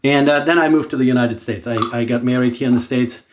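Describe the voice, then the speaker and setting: A middle-aged native German speaker from Germany, with a German accent, chats casually through a shaving product demo, thinking aloud as he works. His medium-pitched voice moves quickly, he restarts often in a relaxed way, and there's a little hiss or hum.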